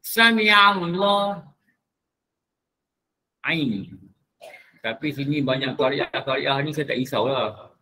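A man with a Malaysian Malay accent teaches in a mosque, his voice pitched high and sharply bright. He stretches out recited phrases slowly and keeps quizzing his listeners. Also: slightly rough, rough recording. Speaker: religious teacher. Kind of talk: mosque lecture.

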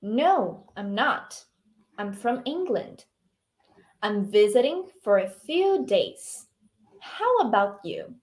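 A woman reads a polite female tourist's lines in a practice dialogue, slowly and clearly, with no change of voice. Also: a little high, sing-song, full character voice. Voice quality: teacher's own voice, changes intonation only. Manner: slow, carefully articulated model reading.

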